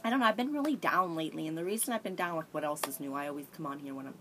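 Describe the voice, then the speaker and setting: A woman in her thirties vlogs casually from home, chatting confessionally in a small sunny room, filmed on a tablet held at arm's length. Her voice sits low with a fairly bright tone, and she talks very fast, rambling candidly with frequent restarts and sighs. There's slight background noise.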